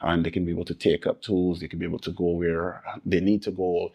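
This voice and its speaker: A Barbadian man speaks as an interview guest, his voice sitting very low with a husky edge. He answers earnestly and in measured steps, stacking his points in repeated phrases. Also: flat delivery, a little mellow. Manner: measured, listing points in layered repetition. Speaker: interview guest, disaster resilience advocate.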